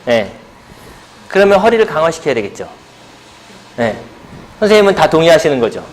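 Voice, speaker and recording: A man's voice: on the high side, big pitch swings, a little fast, a little hiss or hum. A middle-aged male pilates instructor giving a seminar lecture, asking the audience questions and answering them himself, with playful buzzer noises. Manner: playful buzzer sound effects. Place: seminar room.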